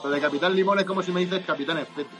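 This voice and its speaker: A man's voice: sits high, over music. A man in a casual group chat, arguing his point. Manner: fast, argumentative.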